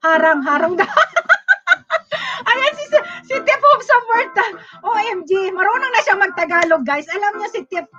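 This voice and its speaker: A high-pitched woman with a Bicolano-tinged Filipino accent hosts a casual livestream, laughing often and trailing off with fillers as she reads viewer comments. The sound is dull and lo-fi. Music plays clearly underneath her. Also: lively intonation, normal speed. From Bicol region, Philippines. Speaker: livestream host.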